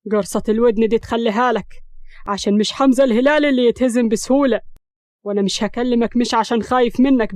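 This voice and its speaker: Storybook role: woman voicing a defiant young Egyptian man, fast, scornful, loud when angry, Egyptian accent. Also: a little high, dry recording, clean studio sound, natural voice. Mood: cold, mocking. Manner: shouting in anger, then cold mockery.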